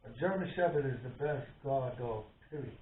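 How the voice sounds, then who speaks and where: A man's voice: mid-range voice, fairly quick, slight background noise. A man co-hosting a podcast, chatting casually and acting out the people in his stories. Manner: animated storyteller, acts out quotes. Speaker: podcast co-host. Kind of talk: casual chat. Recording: echoey room, tinny phone-like sound, from far off.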